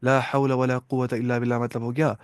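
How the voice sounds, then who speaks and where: A man's voice: mid-range voice, level tone, smooth, no room sound. A man teaching an Arabic lesson, patiently quizzing his students and praising their answers, with English words mixed into his explanations. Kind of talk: classroom-style language lesson.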